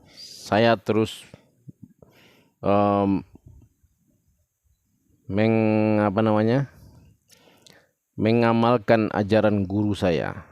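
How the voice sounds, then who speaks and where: Low-voiced man giving a plain religious talk. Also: darkish tone, clean tone, dry recording, clean studio sound. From West Sumatra, Indonesia. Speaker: religious video teacher. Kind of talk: informal religious talk to camera.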